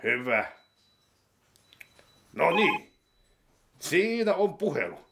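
A man voicing a scheming male boss with a gun, talking low, slow and deadpan. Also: background noise.

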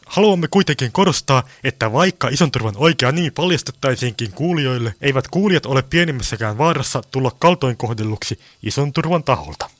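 A man's voice: mid-range voice, expressive, hardly any pauses, no room sound. A man narrating a homemade comic radio play in a pompous, mock-formal tone. His voice sits mid-range for a man and sounds close and dry, with no room around it.

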